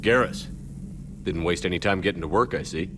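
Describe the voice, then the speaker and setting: A man playing a steady, resolute military commander in a video game, firm and plain-spoken. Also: brisk, music in the background, natural voice. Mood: grave, resolute. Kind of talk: video game character dialogue. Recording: clear rumbling noise behind game dialogue.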